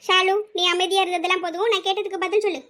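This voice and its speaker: A woman's voice: extremely high pitch, level tone, racing, pushed and bright. A woman voicing a chatty schoolgirl who teases her friend and keeps pressing her with questions, in an amateur audio drama. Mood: teasing.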